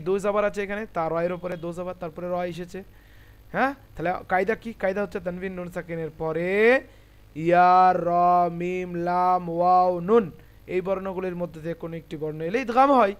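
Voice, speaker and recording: A Bengali-accented man teaching Quran recitation rules, spelling out each letter and vowel mark slowly before reading the whole word. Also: high-pitched. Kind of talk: tajweed lesson.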